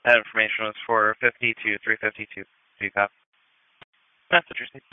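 A man's voice: lowish voice, little pitch movement, a little fast. A man working as a radio dispatcher, giving terse, procedural acknowledgements over a narrow, phone-like channel.

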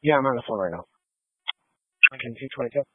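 A man's voice: mid-range voice, animated, quick pace, slightly rough, dry recording. A man working as a police officer, calling in traffic stops in a matter-of-fact way and spelling plates and names letter by letter, heard over a phone-like radio channel. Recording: narrow phone-like radio audio, dry.

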